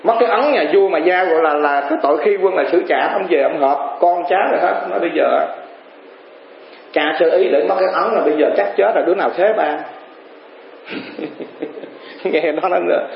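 A monk teacher gives a Dharma talk to an assembly, telling folksy stories, acting out the voices of the people in them, and chuckling along the way. His voice is high, fast and gravelly, with a little hiss or hum, recorded in a muffled, echoey room with faint ambience.

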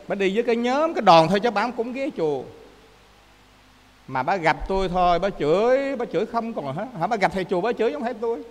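A man with a Southern Vietnamese accent, a Buddhist monk giving a lively dharma talk that often checks in with his listeners. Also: high-pitched, big-room sound. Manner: lively storyteller, often asks listeners to confirm.

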